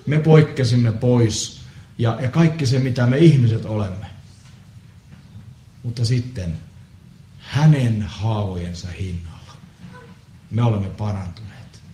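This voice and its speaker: A man's voice: mid-range voice, mellow. Solemn male preacher in echoey church. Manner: measured, solemn preaching with pauses and occasional "eh" fillers. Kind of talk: Good Friday sermon. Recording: echoey church with faint ambience.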